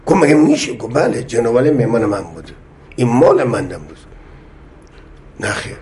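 A man preaching a sermon, speaking slowly and with measured weight, and acting out the voices of the people in the stories he tells. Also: mid-range voice, very animated, crowd noise. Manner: slow, measured delivery, voicing the people in his stories. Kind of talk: sermon with storytelling.

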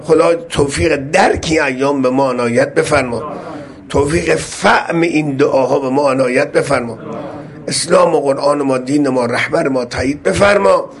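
A male preacher with a gravelly, husky voice, giving a fervent, pleading sermon mixed with prayer that rises into loud cries. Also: fairly high pitch. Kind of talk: religious sermon with supplication.

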